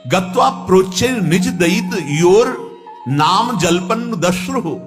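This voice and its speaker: A man giving a devotional discourse as a spiritual teacher, slow and emphatic, breaking into chanted verses. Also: high voice, lively intonation, over music. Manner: chants Sanskrit verses in a slow sung tone between plain explanation.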